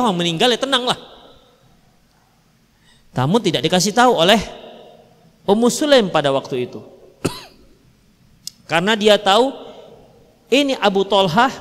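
A male preacher with a Medan accent gives a lively religious lecture, acting out the dialogue as he tells the story. His voice sits fairly high for a man. It rings out in a reverberant hall. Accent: Medan Indonesian.

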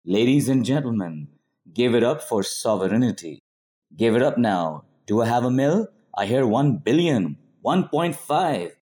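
A man's voice: medium pitch, dark tone. A man performing a spoken word poem as rhythmic, rhyming auctioneer patter. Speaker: poet.

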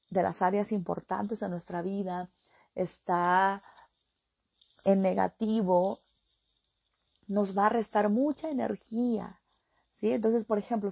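Woman coach, gravelly husky voice, keeps asking the listener questions, dry close sound. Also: mid-range voice, darkish tone, no room sound. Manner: rhetorical questions and check-ins to the listener. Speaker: life coach. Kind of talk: motivational talk.

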